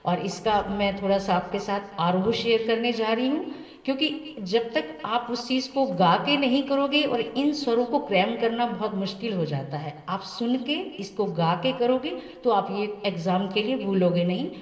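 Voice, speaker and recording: A woman music teacher talks students through theory at a patient pace, often posing a question and answering it herself. Her voice is mid-pitched and comes from a little way off the mic. The room rings with a long, echoey tail. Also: animated, moderate pace, recorded from a distance.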